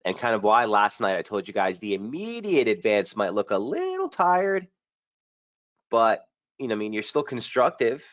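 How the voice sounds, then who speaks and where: Slightly hoarse and under the weather, this male host runs a live trading webinar as a market strategist, moving briskly through charts with casual talk and frequent fillers. His lowish voice is fairly bright with huge pitch swings, coming through dull, dry stream audio with no room sound.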